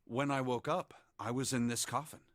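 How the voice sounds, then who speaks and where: A man voicing a composed, polite blind gentleman in a video game, speaking in a formal, precise way. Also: medium pitch, fairly even intonation, normal speed, no echo, clean studio sound, close to an everyday voice. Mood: calm.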